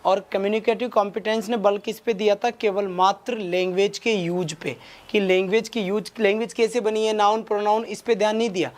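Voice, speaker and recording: Brisk male teacher urging students on. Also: high-pitched, steady tone. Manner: rapid Hindi-English mix, urges students with quick questions. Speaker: exam-prep English teacher. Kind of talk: online class lecture.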